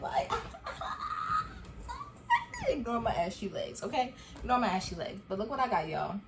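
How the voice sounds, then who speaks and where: A young woman chatting to camera in a casual review vlog, animated and quick to laugh, acting out what people said to her. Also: a little high, background noise. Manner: chatty and animated, laughs often, acts out quoted dialogue. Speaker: vlogger.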